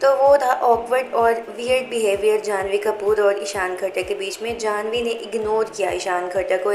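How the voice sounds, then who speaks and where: A woman's voice: medium pitch, roomy sound, slight background noise, low-quality recording. A woman hosting a celebrity gossip channel, giving a scripted, chatty narration and mixing English words into her talk. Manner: chatty, reads viewer comments aloud, mixes English into Hindi.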